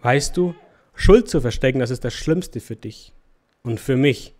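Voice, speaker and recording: A man voicing a gentle fatherly king. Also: medium pitch, measured pace, natural voice. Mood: tender. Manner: calm, tender, reassuring.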